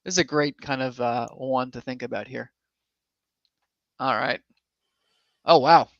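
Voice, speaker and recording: A man's voice: medium pitch, unhurried, vocal fry, fairly bright tone, dry recording. A man co-hosting an online event on a video call, presenting casually and enthusiastically to his audience. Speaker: co-host of an online summit, lawyer. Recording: slightly dull, dry video-call audio.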